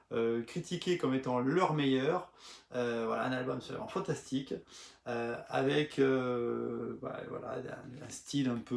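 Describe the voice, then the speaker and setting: A man speaking in a casual review, hesitant and full of filler sounds and restarts. His voice has a gravelly, creaky edge. The recording sounds roomy and echoey. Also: mid-range voice. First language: French. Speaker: music blogger. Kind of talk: casual spoken album review. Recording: echoey room.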